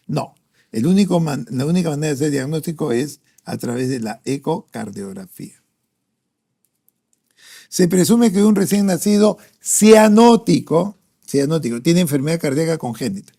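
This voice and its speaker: Fairly high in pitch but dark in tone, the voice belongs to a male Peruvian Spanish–accented doctor. He is running an exam-prep review of pediatric cardiology, reasoning aloud through questions with repeated "¿no?" and "este" fillers.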